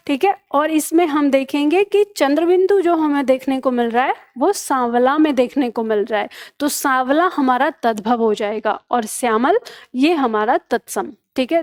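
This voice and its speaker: High-voiced woman teaching Hindi grammar. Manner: explains patiently, repeating each word pair. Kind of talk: exam-prep grammar lesson.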